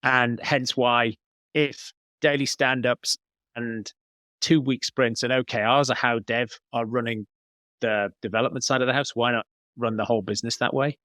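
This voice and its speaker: As a business coach being interviewed on a podcast, a man gives conversational, explanatory answers, walking through examples one step at a time. He speaks at normal speed in a medium-pitched, slightly bright voice with fairly even intonation, with no echo.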